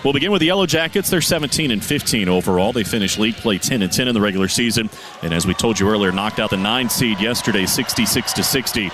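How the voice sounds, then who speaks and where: A radio play-by-play announcer with a lowish, expressive voice talks quickly over music during a pregame basketball broadcast. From his arena broadcast position, he reads lineups and stats.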